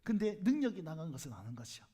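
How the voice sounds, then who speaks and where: Male pastor, Gyeongsang accent, animated sermon with a lively, swooping delivery. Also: on the high side, fast talker, husky. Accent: Gyeongsang Korean. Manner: animated storytelling, acts out crowd voices, jokes with congregation. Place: church sanctuary.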